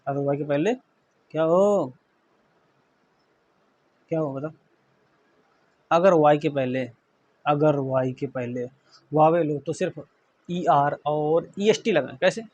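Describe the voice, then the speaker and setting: Man from India, English grammar teacher, fairly high voice, spells words aloud, checks in with students. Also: slow pace, pauses often, darkish tone, dull audio. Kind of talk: classroom lecture.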